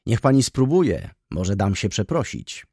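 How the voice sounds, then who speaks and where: A man reading an audiobook, voicing a mocking, worldly young gentleman with a sardonic drawl. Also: on the low side, wildly swooping pitch, measured pace, husky, no echo, studio quality, heavily acted. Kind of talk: audiobook character voice.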